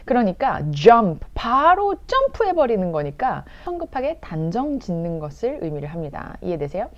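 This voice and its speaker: A woman's voice: mid-range voice, big pitch swings, dull audio. Korean woman teaching English phrases. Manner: explains in Korean, reads English examples slowly and clearly for repetition. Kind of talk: online English lesson.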